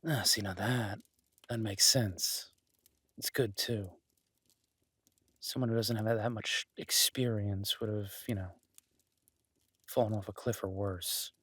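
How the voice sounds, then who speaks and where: Fully in character and heavily acted, a man plays a low, husky cabin-dwelling woodsman in a one-sided roleplay audio drama: gruff yet kind, protective, gently teasing. He sounds easygoing and warm, soft-spoken, unhurried, reassuring and wryly funny, with a steady tone and no echo.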